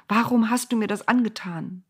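A woman's voice: mid-range voice, normal speed, voice pushed up, lightly acted. A woman voicing a proud old male prophet who begs for forgiveness. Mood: pleading. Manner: agitated then pleading.

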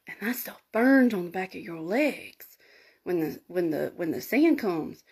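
A woman telling a Bible story in a chatty, animated way, full of folksy asides. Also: on the low side, a little slow, husky. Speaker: Bible teacher. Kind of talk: informal Bible lesson storytelling.

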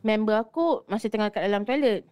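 A woman's voice: mid-range voice, fairly quick, smooth, dry recording. A young woman from Singapore, casually telling a ghost story, mixing in English words and acting out what people said. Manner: lively, mixes English words, acts out quoted voices. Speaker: guest storyteller.

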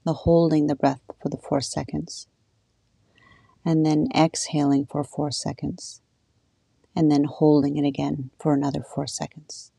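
A woman teaching a guided breathing meditation, speaking calmly and soothingly in short, measured phrases. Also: low voice, vocal fry, husky, no echo.

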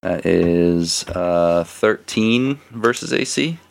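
A man narrating as game master of a tabletop game in a relaxed, hesitant way. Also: low-pitched, slow, gravelly, noisy background.

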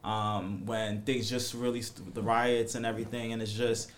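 A man's voice: fairly low pitch, little pitch movement, moderate pace, a little hiss or hum. A man in a casual podcast chat, talking in a rambling, hesitant, slangy way.

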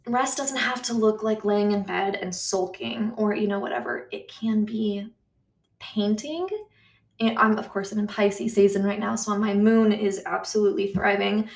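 A young woman rambles on in a casual vlog, quick and chatty, swearing freely. Her voice sits at an ordinary pitch. It comes from a little way off the mic in an echoey room. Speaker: YouTuber. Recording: roomy sound from a distance.

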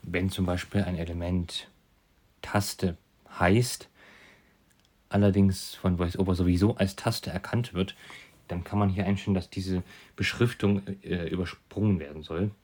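Deep husky guy doing a chill software tutorial, kinda offhand. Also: a little slow. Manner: relaxed explaining with fillers. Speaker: tutorial presenter. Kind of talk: casual screen recording tutorial.

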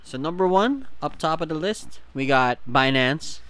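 A man's voice: a little high, lively intonation, a little slow, a bit bright, clean tone. A man co-hosting a casual crypto chat, explaining things step by step and laughing often. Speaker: co-host.

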